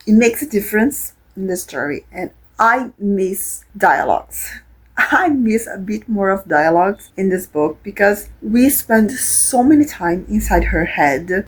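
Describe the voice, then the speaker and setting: A woman's voice: mid-range voice, low-quality recording. A young woman from Brazil, chatting casually about a book she is reading, rambling with many fillers and restarts. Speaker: book vlogger. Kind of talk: casual reading vlog chat.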